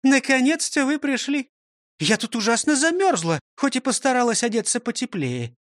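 A man voicing a strict old female schoolteacher who scolds in a sharp, commanding tone. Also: very high-pitched, very animated, normal speed, dry recording, clean studio sound, pitched above the performer's own voice. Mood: stern, scolding.

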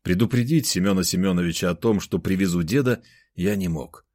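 A man's voice: low-pitched, brisk, dark tone, no echo, studio quality. A man reading a first-person novel aloud as an audiobook narrator.

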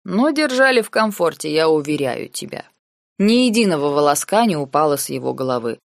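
Cold lecturing uncle, lazy sarcasm, woman narrator doing him, lowish voice, dry sound. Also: sing-song, vocal fry, no room sound, exaggerated voice. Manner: measured, lazy, coldly sarcastic. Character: cold calculating noble uncle, middle-aged man.

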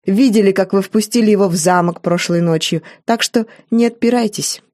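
A woman's voice: mid-range voice, moderate pace, dark tone, lightly acted. A woman voicing a man who ironically accuses a maid, in a pointed way. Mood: ironic.

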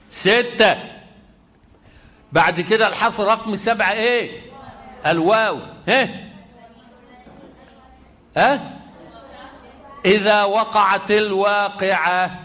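High-voiced Egyptian Quran teacher quizzing. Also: male voice, bright, forceful tone. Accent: Egyptian Arabic. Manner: quizzing students, chanting Quran examples slowly. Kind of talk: lively tajweed lesson with students.

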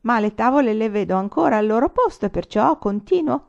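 A woman reading aloud voices a drunk young male army lieutenant who talks loudly and boastfully. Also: a little high, expressive, a little fast, vocal fry, pitched above the performer's own voice. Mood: drunken, blustering. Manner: loud, boastful, sobbing and angry by turns. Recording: slightly dull, lo-fi recording.

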